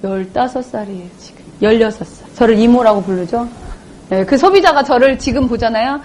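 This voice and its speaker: A woman's voice: a little high, brisk, darkish tone, slight background noise. A woman in her forties giving an emotional personal testimony on stage, telling her story dramatically and acting out the voices of people she quotes. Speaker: motivational speaker.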